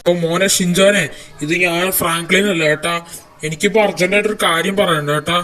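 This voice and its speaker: A man voicing a young man who urgently reports an accident, rambling and hurried. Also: sits high, fairly even intonation, pushed and bright, poor audio. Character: young man bringing urgent bad news. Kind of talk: amateur story voice acting.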